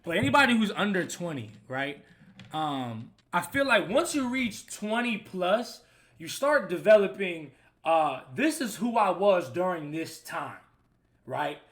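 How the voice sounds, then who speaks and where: A streamer in his twenties reacts to an album over loud hip hop music, rambling casually and swearing loosely. His high voice is very animated, though he keeps a measured pace.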